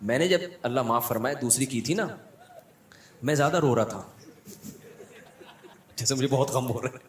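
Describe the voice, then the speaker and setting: A man's voice: mid-range voice, moderate pace, slight background noise. Echoey Pakistani man telling funny anecdotes. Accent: Pakistani Urdu. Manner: lively, acts out the people in his anecdotes. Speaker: religious scholar. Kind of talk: humorous storytelling talk.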